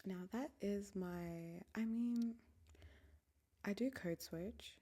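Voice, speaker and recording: A woman's voice: mid-range voice, slow pace, dark tone. A young woman from Africa hosting a solo podcast, talking candidly and reflectively into a microphone. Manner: candid and reflective, often dropping to a near whisper. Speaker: podcast host. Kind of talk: casual solo podcast monologue.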